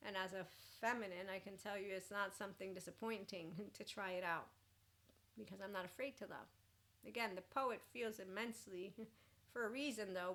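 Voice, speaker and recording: A woman with a bright, forward voice at a medium pitch gives an informal mentoring talk. She is blunt and expressive, wandering into asides as she goes. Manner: informal, blunt, swears casually. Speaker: mentor and host.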